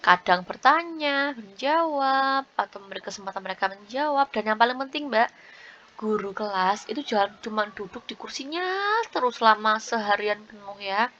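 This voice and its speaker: Woman, online tutor, chatty and repetitive, slightly high voice, muffled video-call audio. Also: normal speed, bright, forceful tone, slight background noise. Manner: chatty, repeats words, acts out teacher and student lines. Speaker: university tutor.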